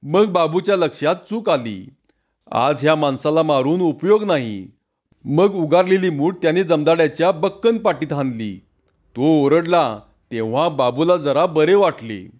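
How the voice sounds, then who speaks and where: A man narrating a humorous story in a slow, measured storytelling manner. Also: fairly high pitch, expressive, a little mellow, highs cut off.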